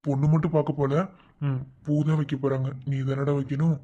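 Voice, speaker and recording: A performer doing a cartoon elder brother, tender, soothing, warm tone, muffled sound. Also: medium pitch, flat delivery, a little fast, lightly acted. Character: loving, anxious elder brother.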